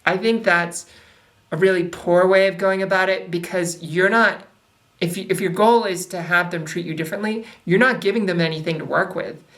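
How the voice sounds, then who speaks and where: Woman with a slightly low voice. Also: fairly even intonation, normal speed, fairly bright tone, far from the mic. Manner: reflective, conversational, frequent "like" fillers. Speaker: vlogger giving advice. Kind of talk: casual advice talk to camera.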